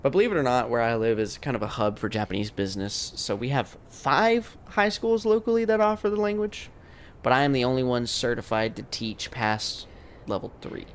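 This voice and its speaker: A US streamer and language teacher keeps up loose, rambling chat with viewers during a late-night game session, weary and losing his voice. His mid-range voice is sing-song, clear and resonant, moving fairly quickly while staying laid-back.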